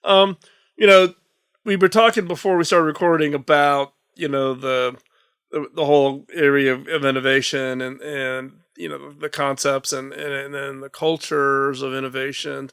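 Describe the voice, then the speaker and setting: A man's voice: medium pitch, fairly even intonation, normal speed, fairly bright tone, smooth. A man hosting an interview at a trade show, talking animatedly and often repeating words as he starts a thought. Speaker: podcast host. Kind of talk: conversational interview.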